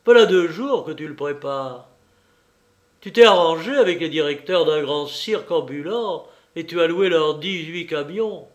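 A man voicing a calm, self-assured gentleman thief who explains things at an unhurried pace. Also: a little high, lightly acted. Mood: confident. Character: cool, smug gentleman thief, adult male.

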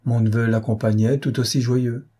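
A man's voice: medium pitch, flat delivery, moderate pace, warm tone, breathy edge, lightly acted. A man voicing a talkative female governess who recounts events in a chatty, fretful way.

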